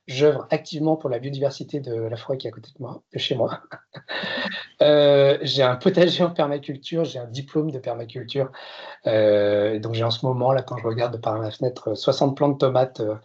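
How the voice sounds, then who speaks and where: A man's voice: mid-range voice, a little mellow, husky, dull audio. A man in his fifties from France giving a presentation to an audience, with hesitant delivery, frequent filler sounds and self-deprecating humor. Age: 50s. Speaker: consultant giving a masterclass talk.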